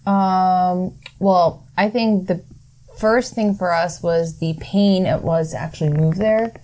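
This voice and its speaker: A woman's voice: on the low side, fairly even intonation, slow, warm tone. Woman telling wry, sarcastic stories. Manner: storytelling, wry and sarcastic, acts out others' lines. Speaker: guest. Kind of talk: casual chat.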